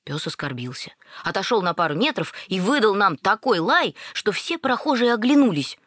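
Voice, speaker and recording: A woman narrating a first-person story in a lively, wry manner. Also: mid-range voice, moderate pace, dry recording, clean studio sound.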